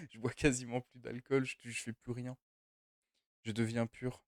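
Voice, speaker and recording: A man's voice: medium pitch, flat delivery, measured pace, no room sound, clean studio sound. A young man streaming a game from home, chatting loosely and rambling as he answers his chat. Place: home room.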